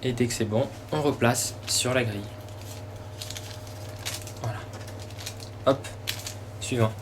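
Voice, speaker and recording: A man with a French accent presents a recipe step by step as a cooking host. His voice sits at an average male pitch, and his delivery is informal and encouraging, dotted with little interjections. Clear kitchen noise runs behind him. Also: takes it slowly. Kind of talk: casual step-by-step recipe demonstration. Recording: clearly noisy room ambience behind voice.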